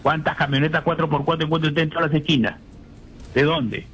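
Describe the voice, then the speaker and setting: A man's voice: on the high side, fairly even intonation, fairly quick, a bit bright, faint music behind, rough recording. An older man, a retired general, speaking indignantly as a radio guest and firing off rhetorical questions. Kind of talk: phone-in radio interview.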